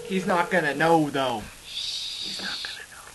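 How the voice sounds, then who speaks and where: Teen boy, goofy jokey vlog co-host; unhurried, bright, on a laptop mic in a kitchen. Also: a little high, whispered, low-quality recording. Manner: giggly and joking, often breaking into laughter. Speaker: co-host of a home cooking video. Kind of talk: goofy casual chat. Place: home kitchen, indoors. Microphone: laptop webcam mic.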